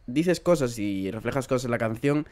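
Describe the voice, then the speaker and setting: A man's voice: medium pitch, lively intonation, normal speed, a little mellow. A man hosting a casual podcast interview, chatty and heavy on fillers. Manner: chatty, leans on fillers like "en plan". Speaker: podcast host.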